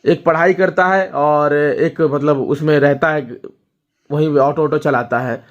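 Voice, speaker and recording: A man's voice: a little high, fairly even intonation, measured pace, highs cut off. A young man, a vlogger, telling viewers a family story in casual talk, often checking in with them as he goes. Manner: storytelling, addresses viewers directly with frequent "ठीक है?".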